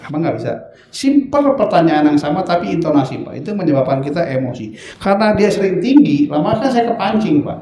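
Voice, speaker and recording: A man's voice: a little high, sing-song, brisk, roomy sound, a crowd in the background. A man giving a candid, earnest testimony as a guest on a talk show, acting out quoted lines with animation.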